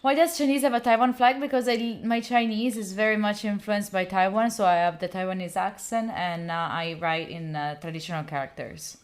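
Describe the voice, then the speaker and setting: This young adult from Italy speaks with an Italian accent, her medium-pitched voice steady and a little quick, with few pauses. During a live gameplay stream she chats with viewers, talks to chat, and lets out sudden squeals cheering for her character.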